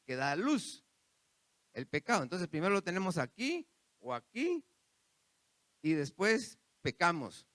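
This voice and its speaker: Lively-voiced man preaching a sermon. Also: high voice, measured pace, pauses often, no room sound. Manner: preaches with repeated phrases and asides to the congregation. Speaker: pastor.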